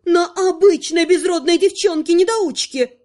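A woman voicing a sharp, scornful and jealous female healer. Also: high-pitched, expressive, measured pace.

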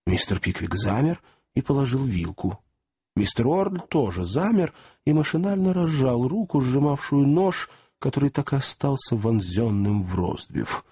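Husky man narrating a storybook. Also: mid-range voice, big pitch swings, moderate pace, mellow, no room sound. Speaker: audiobook narrator.

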